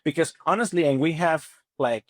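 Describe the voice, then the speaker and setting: A man's voice: on the high side, moderate pace, dry recording, clean studio sound. A Venezuelan man with a Venezuelan accent and Spanish as his first language, talking conversationally and emphatically as an interview guest, often repeating himself. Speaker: podcast guest, language company chief and teacher.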